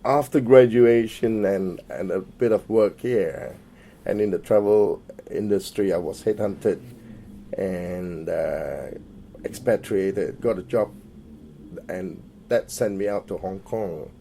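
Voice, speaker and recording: A deep, gravelly voice belongs to this middle-aged Malaysian man, who speaks slowly in an oral history interview. Hesitant and prone to fillers and restarts, he lets his volume drop off at the close of phrases.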